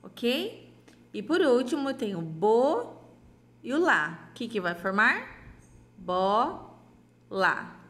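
Slow, sing-song teacher woman. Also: a little high, sing-song, fairly bright tone. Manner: affectionate and sing-song, with diminutives and frequent "ok?" check-ins; sounds out syllables slowly and clearly. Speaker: primary school teacher. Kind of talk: slow, gentle remote lesson for young children.

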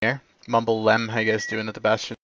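A man commanding players in an online war game, giving clipped orders and quick corrections over voice chat. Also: on the low side, monotone, fairly bright tone, muffled recording, a little hiss or hum.

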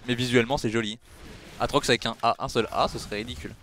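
A man's voice: mid-range voice, steady tone, fast talker, a bit bright, slight background noise. A young man, chatting casually with his viewers while playing and teasing them back. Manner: chatty, teasing, answering chat. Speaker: streamer. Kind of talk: casual gameplay commentary with chat.

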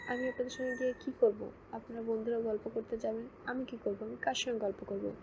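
A woman voicing a stubborn teenage girl student who answers in a sharp, snappish way. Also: fairly high pitch, a little fast, gravelly, a little hiss or hum, poor audio. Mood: sulky.

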